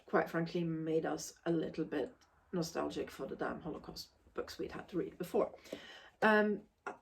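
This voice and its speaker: Forthright woman with a lowish voice. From Austria. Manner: emphatic, articulate, forthright. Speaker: book reviewer and historian. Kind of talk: casual spoken book review.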